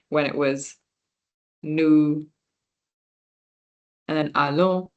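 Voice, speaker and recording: Slow-talking young woman teaching beginner French. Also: low voice. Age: young adult. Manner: slow, explanatory, frequent fillers and restarts. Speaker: volunteer French workshop instructor. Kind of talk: slide-based beginner language lesson.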